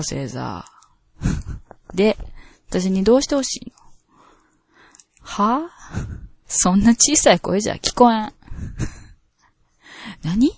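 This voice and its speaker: A woman's voice: medium pitch, darkish tone, husky, no echo. A woman voicing a domineering, sadistic woman who taunts and gives orders, with a Kansai accent. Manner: commanding, taunting, scornful. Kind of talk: scripted role-play line reading.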